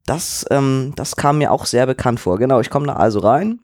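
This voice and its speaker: A man's voice: medium pitch, moderate pace, no echo, studio quality. A man co-hosting a casual podcast chat, telling an anecdote with many fillers and acting out both sides of the dialogue. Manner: animated storyteller, acts out both sides of a dialogue; laughs often, many fillers. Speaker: podcast co-host.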